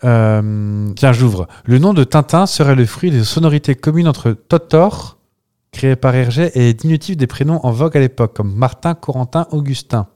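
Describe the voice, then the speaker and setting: Male podcast co-host, jokey and chatty, mid-pitched everyday voice. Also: moderate pace, mellow. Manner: playful, chatty, laughs often. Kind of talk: casual chat.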